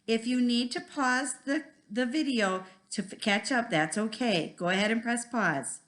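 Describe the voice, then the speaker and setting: A woman's voice: fairly high pitch, measured pace, fairly bright tone. A woman teaching a first grade lesson, talking simply and encouragingly to children like a kids show host. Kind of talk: instructional math video lesson for young children.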